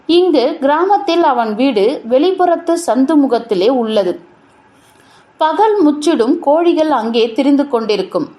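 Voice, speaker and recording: Woman storyteller, high and animated voice, slow sorrowful short-story reading. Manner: unhurried, sorrowful storytelling with emphatic pauses.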